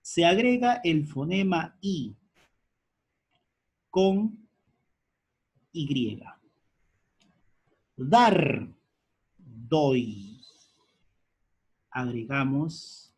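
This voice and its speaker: A man teaching a grammar lesson at a board, spelling out letters and repeating key words deliberately. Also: fairly high pitch, expressive, breathy edge.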